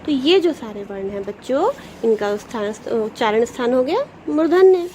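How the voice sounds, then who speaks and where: A woman teacher with a high voice walks young pupils through a grammar lesson step by step. She asks them questions and answers them herself, drawing out each letter slowly. A faint noise sits under the recording. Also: lively intonation, a little mellow, low-quality recording. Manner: patient, explains step by step, sounds out letters slowly. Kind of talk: Hindi grammar lesson for children.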